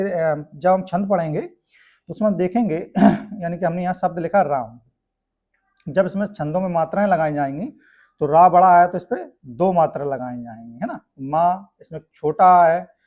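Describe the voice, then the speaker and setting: A male teacher from India explaining a grammar lesson step by step, often checking in with tag questions. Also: on the high side. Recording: dull lo-fi sound.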